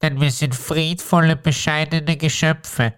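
A woman voicing a humble, gentle male donkey in a children's Christmas story, speaking meekly and sorrowfully. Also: low voice, steady tone, a little slow, voice pushed down. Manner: meek and sorrowful.

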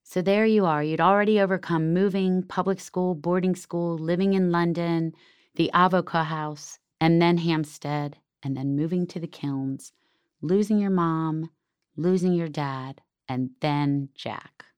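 Casting note: earnest woman interviewer with a very low, smooth voice. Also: fairly even intonation, measured pace, a little mellow, no echo. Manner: earnest and empathetic. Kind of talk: interview questions.

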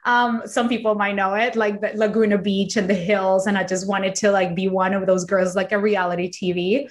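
A woman's voice: medium pitch, flat delivery, moderate pace. Woman, from Colombia, podcast guest, chatty, conversational. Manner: chatty, lots of "like" fillers. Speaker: podcast guest, business coach. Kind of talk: conversational interview storytelling.

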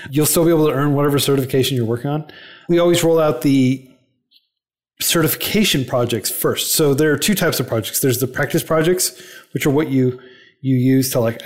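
A man speaking as a podcast guest in a casual interview. His voice sits at a middle pitch, and he explains in an earnest way. He speeds up in quick bursts and uses plenty of fillers. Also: a little mellow. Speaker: podcast guest, non-profit founder.

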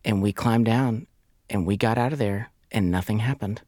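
A woman hosting a casual chat, telling stories in an animated, expressive way. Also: extremely low pitch, normal speed, dry recording, studio quality.

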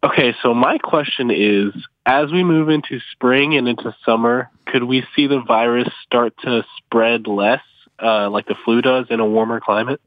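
A man's voice: medium pitch, normal speed, no echo. Man from Texas on a tinny phone line. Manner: polite, hesitant with fillers. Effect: clipped phone line. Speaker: caller. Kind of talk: call-in question to a radio show.

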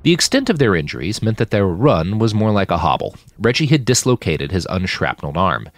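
Reading his own fiction podcast as an audiobook, a man with a low voice narrates dramatically and expressively, with very animated intonation and shouted character lines. He's scripted and a little fast. The recording is dry and close, with no room sound.

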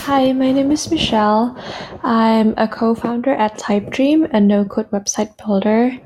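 A woman's voice: on the high side, unhurried, over music. A woman in her twenties from Indonesia, a startup co-founder speaking plainly and reflectively as a podcast guest. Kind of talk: recorded talk.

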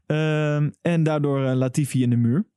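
A man co-hosting a casual motorsport chat, chatty and quick to laugh, with plenty of fillers. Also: a little high, fairly even intonation, mellow, clean tone, dry recording, studio quality. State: frog in his throat, clears throat. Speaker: podcast co-host.

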